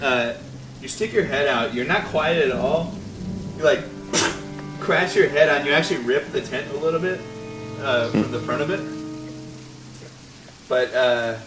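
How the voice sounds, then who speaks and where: A relaxed man narrating a tabletop game as its game master, chuckling between lines. He sounds set back from the microphone in a roomy space, with clear music playing underneath. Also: medium pitch, a little slow, long pauses, distant mic. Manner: casual, laughing often.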